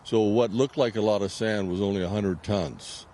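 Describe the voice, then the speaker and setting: A man's voice: on the low side, steady tone, moderate pace, dark tone, slight background noise. A man being interviewed about his work as a track superintendent, explaining things in a plain, matter-of-fact way. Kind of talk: on-air interview.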